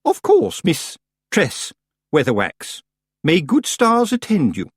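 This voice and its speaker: A man voicing a pompous, falsely polite middle-aged woman witch with a high, sugary voice. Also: huge pitch swings, slow, slightly rough, no echo, studio quality, heavily acted. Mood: falsely sweet. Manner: falsely polite, gushing, grave.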